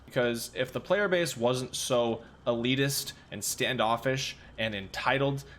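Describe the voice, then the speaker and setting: A man's voice: medium pitch, unhurried, a bit bright, a little hiss or hum. A man giving exasperated, ranting commentary on a video game as a gaming video creator, swearing now and then.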